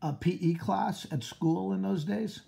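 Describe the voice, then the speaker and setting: A man's voice: sits high, a little slow, vocal fry, warm tone. A man, a school coach, hosting an upbeat interview for schoolchildren over a video call, with many fillers.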